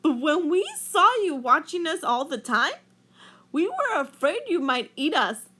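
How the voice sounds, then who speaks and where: Woman as Rainbow Fish, high and earnest. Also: sing-song, a little slow, pushed and bright, full character voice. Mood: apologetic. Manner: pleading, emphatic. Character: earnest, peacemaking young male Rainbow Fish.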